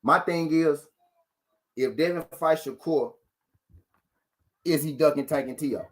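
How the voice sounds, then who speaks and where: Hosting a live boxing talk show, a man with a higher-leaning voice speaks a little slowly. He argues his case through rhetorical questions, repeats himself, and greets viewers from the chat.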